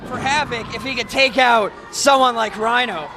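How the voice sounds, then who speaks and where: A man calling live wrestling as an excitable, emphatic play-by-play commentator. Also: very high voice, moderate pace, music in the background. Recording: loud crowd noise behind. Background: wrestling event crowd.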